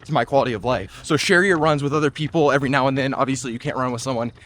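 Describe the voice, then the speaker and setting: Rapid-fire and upbeat, a young man in his twenties vlogs his outdoor trail run in a mid-range, fairly bright voice, sometimes getting breathless. His chatty talk is heavy on "like" and "just," with a little hiss or hum on the recording.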